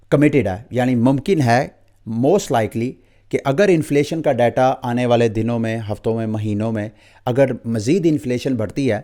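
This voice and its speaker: A man's voice: mid-range voice, darkish tone. Pakistani man explaining crypto market news. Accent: Pakistani Urdu. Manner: explanatory, addresses viewers directly, mixes English terms. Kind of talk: market update monologue.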